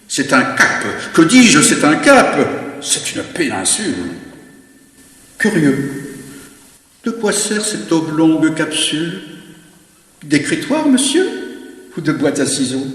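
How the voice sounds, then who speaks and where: Hammy, proud stage gentleman, echoing hall. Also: on the high side. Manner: hammy stage declamation, grandiloquent, switching tones. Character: witty, proud, theatrical French gentleman mocking an insult. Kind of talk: theatrical verse monologue. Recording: very echoey hall, long reverb.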